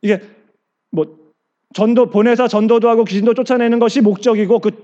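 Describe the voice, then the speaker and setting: A man's voice: very high-pitched, fairly even intonation, brisk, mellow, muffled recording. A male pastor preaching a sermon, asking the congregation questions and answering them himself, and acting out quoted lines.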